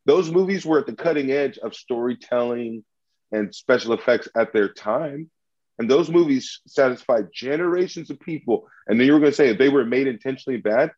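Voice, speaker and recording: A man in heated mock-trial banter defends old movies, swearing freely and tripping over repeated words when worked up. His voice sits at a middling pitch. The recording is dull and lo-fi. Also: a little fast, a little mellow. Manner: combative, profane, repeats himself when heated. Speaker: debater arguing a movie case.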